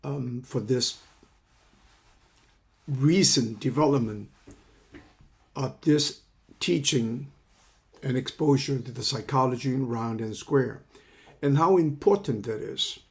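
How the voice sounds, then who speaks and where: Opening his lecture, a counseling psychology teacher in his 70s speaks in a medium-pitched, slightly mellow voice. He's from China with Cantonese as his first language, and his halting speech includes repeated words as he searches for phrasing.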